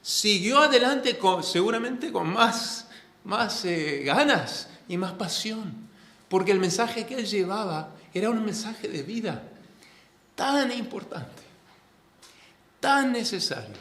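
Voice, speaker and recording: A male pastor from delivers a sermon in a somewhat high voice. He preaches earnestly, repeating key phrases, rising to loud stresses and dropping to quiet asides. The sound rings with the echo of a church hall. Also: lively intonation, slow pace. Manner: swings between loud stresses and soft, low asides. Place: church sanctuary.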